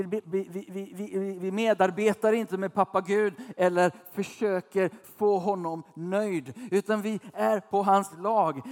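A man's voice: high-pitched, in a large hall. A man in his thirties preaching a casual, conversational sermon, often asking his listeners if they follow. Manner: chatty, asks listeners questions.

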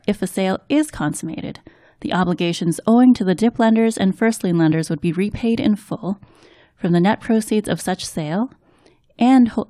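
A woman co-hosting a podcast, reading scripted financial news in a measured, even way. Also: medium pitch, no echo, studio quality. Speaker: co-host and news reader.

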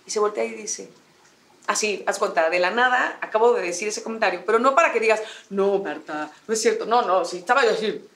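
A woman with a Mexican accent, a guest telling a personal story in candid conversation and mimicking others with a high voice. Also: fast talker, a bit bright. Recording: echoey room.

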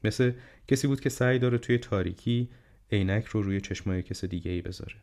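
Low-voiced man narrating an audiobook. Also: gravelly, darkish tone.

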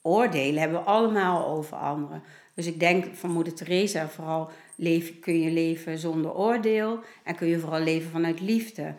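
A woman's voice: low-pitched, steady tone, moderate pace, darkish tone. A middle-aged woman talking earnestly in a casual conversation, telling stories with animation. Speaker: guest. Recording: echoey room.

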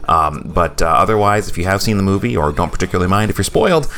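Low-voiced bright man hosting a podcast. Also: animated, quick pace. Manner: rambling with many fillers. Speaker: podcast host. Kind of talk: casual podcast chat.

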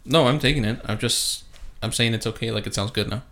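A man hosts a laid-back podcast chat, swearing often and laughing easily. His mid-range voice is a bit bright and moves fairly quickly, captured on a podcast mic.

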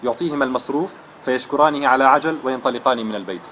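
A man's voice: medium pitch, very fast, a bit bright, a little hiss or hum. A man giving a religious lesson, telling a moral story in an earnest, dramatic way. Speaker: religious lecturer.

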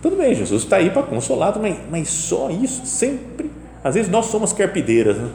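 A man's voice: sits high, wildly swooping pitch, moderate pace, creaky, mellow, a little hiss or hum. A man with a Brazilian Portuguese accent giving a chatty homily in a chapel, often asking his listeners "né?". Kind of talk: conversational homily. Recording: echoey, reverberant chapel with faint ambience.

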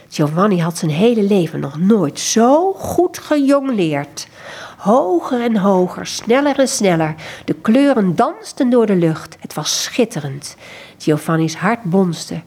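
A woman, country coordinator of a prayer group, reads a story aloud expressively and then talks about books, hesitating often when speaking freely. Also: husky. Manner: reads expressively, lively pitch in quoted lines.

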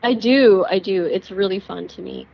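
A woman's voice: medium pitch, very animated, normal speed, gravelly. A woman from Washington State, calling into a podcast as a guest, joking about herself and giggling in casual chat over the phone. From Washington State, USA. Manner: giggly, self-deprecating, jokey. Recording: muffled phone call.

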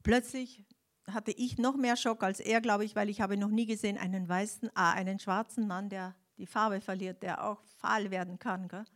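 A woman's voice: medium pitch, moderate pace. An older woman tells her faith testimony to an audience, emotionally shaken and acting out the dialogue as she goes. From Austria. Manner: animated storytelling, acts out dialogue. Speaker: speaker giving a faith testimony.

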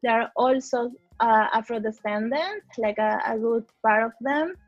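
Young woman from peru, kinda high voice, earnest, lots of likes and uhs, muffled dry sound. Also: a little slow, no echo, faint music behind. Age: young adult. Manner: earnest, uses many fillers. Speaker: guest. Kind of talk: casual discussion.

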